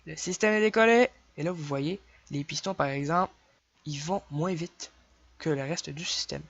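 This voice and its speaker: A man's voice: fairly high pitch, normal speed, a bit bright, no room sound. Young male tutorial maker, Québécois accent, casual and chatty, counts clicks aloud, lo-fi dry recording. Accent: Québécois French. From Quebec. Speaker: game tutorial creator. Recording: dull lo-fi dry home mic.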